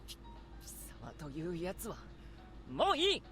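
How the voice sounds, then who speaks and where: A man's voice: high-pitched, huge pitch swings, fairly quick, exaggerated voice. A man voicing a proud, stubborn young male aspiring writer with haughty, indignant retorts, in visual novel acting. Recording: game audio with loud background music.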